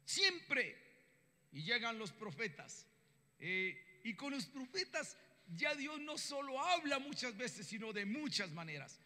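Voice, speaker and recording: Male preacher, animated sermon storyteller; high, forceful tone, reverberant hall. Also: slow. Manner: animated storytelling, acts out biblical dialogue in voices.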